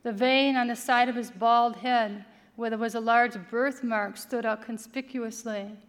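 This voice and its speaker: A woman giving an expressive literary reading at a live event, voicing the dialogue as she goes. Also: a little high, measured pace. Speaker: author reading aloud. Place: large hall, live event. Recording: long hall reverb.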